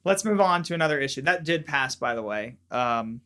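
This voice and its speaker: A man's voice: mid-range voice, expressive, brisk, pushed and bright. Man hosting a political podcast panel. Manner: conversational, thinking aloud with filler words. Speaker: podcast host. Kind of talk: casual panel discussion.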